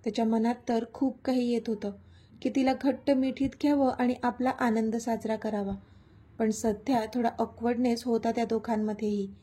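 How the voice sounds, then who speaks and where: A woman reading a serialized romance story aloud in an even, gentle way. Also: fairly high pitch, moderate pace, husky. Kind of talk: scripted storybook narration.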